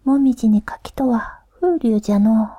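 A woman voicing a simple, curious man from an old folk tale in a soft whisper with rustic old-style speech. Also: fairly high pitch, moderate pace, no echo, dull audio, natural voice. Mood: musing.

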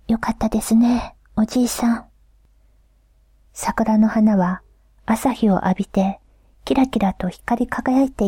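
Woman, whispered storytelling, soft unhurried, mellow, breathy, close mic. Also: medium pitch, dry recording. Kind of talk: whispered folk tale reading, ASMR.

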